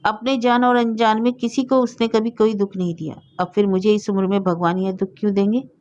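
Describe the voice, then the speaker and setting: A woman's voice: mid-range voice, level tone, a little fast, a little mellow, dull audio, lightly acted. A woman reading the lines of a stubborn, grief-struck aging elder brother in an insistent, pleading way.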